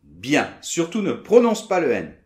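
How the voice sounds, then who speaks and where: A French man teaching French pronunciation, explaining sounds and repeating them slowly for learners. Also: on the high side, huge pitch swings, darkish tone, reverberant. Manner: demonstrates sounds, repeats them slowly, often asks d'accord.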